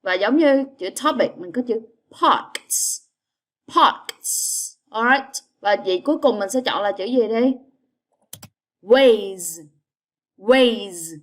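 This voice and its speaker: A woman's voice: a little high, a little fast, hardly any pauses. A woman teaching an English lesson, switching between languages and drawing out model words for students to repeat. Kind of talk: bilingual classroom lesson.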